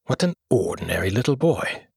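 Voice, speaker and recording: A man's voice: fairly low pitch, big pitch swings, fairly quick, gravelly, slightly rough, no room sound, studio quality, exaggerated voice. A man voicing a huge, irritable old king in a storybook reading, pompous and commanding. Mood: imperious.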